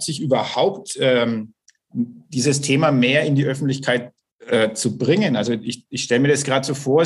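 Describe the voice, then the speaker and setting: A man's voice: medium pitch, slightly rough. A man interviewing a guest, who searches for words and asks long, winding questions with a lot of hesitation. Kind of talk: conversational interview.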